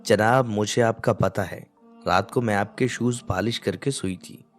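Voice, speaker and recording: A man's voice: fairly low pitch, unhurried, soft background music, natural voice. A man voicing a cheeky, bossy young bride who teases her husband. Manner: bossy, teasing.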